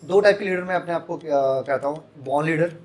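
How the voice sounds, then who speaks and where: A man's voice: on the high side, quick pace. A man in his thirties, a podcast guest who talks frankly and with strong opinions, dropping English phrases into casual interview talk.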